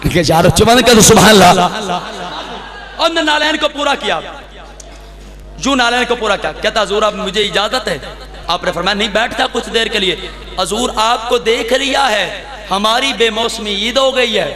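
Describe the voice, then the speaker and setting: High-voiced preacher in an echoey hall. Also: male voice, normal speed. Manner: acts out the voices in his stories, calls the crowd to answer. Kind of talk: religious speech at a gathering.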